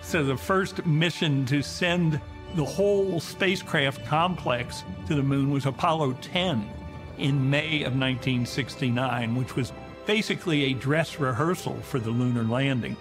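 A man's voice: mid-range voice, a little slow, music in the background. A man explaining history conversationally as a documentary interview commentator.

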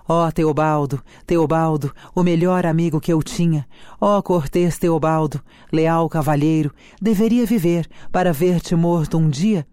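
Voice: medium pitch, fairly even intonation, measured pace, a little mellow, clear, resonant tone, no echo, clean studio sound, natural voice. A reader doing a fretful old nurse. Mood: lamenting. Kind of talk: dramatic reading of a play.

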